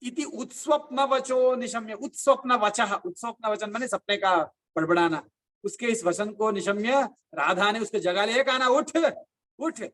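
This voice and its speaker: A man, a religious teacher, giving a devotional discourse, slowly chanting verses and explaining them through animated storytelling. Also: sits high.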